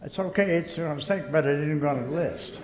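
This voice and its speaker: A man's voice: fairly high pitch, fairly quick. Folksy older man in echoey hall. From United States. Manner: folksy, rambling, chuckles at own stories. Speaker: guest speaker. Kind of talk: anecdotal storytelling speech. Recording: echoey hall, faint background noise.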